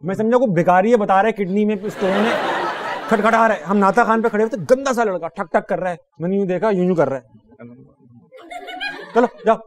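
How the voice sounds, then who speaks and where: A man's voice: high voice, fast. A man hosting a comedic talk show, teasing his guest. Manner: joking, teasing banter. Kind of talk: comedic interview.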